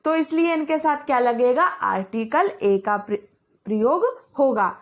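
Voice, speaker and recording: A woman's voice: high-pitched, a little slow. A young woman teaching an exam-prep grammar lesson, asking questions and answering them herself.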